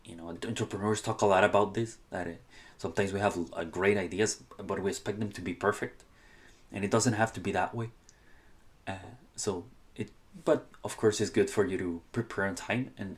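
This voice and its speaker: A young man from Honduras with a Spanish accent, giving casual podcast-style scholarship advice, often restarting and correcting himself. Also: deep voice. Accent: Spanish-speaking Honduran. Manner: hesitant, many restarts and self-corrections. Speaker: channel host.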